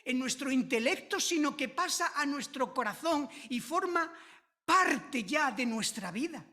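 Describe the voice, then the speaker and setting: A woman from preaching a sermon, slow and emphatic, repeating key phrases with drawn-out stress. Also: on the high side, a bit bright.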